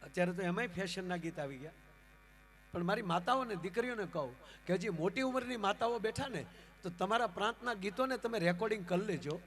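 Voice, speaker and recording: A Gujarati-accented man performing folk comedy on a live stage, with a very high, bright voice. He tells stories and jumps into character voices, speaking into a stage microphone. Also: a little fast. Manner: animated, acts out characters in raised voices. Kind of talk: live stage storytelling with jokes. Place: live outdoor folk program.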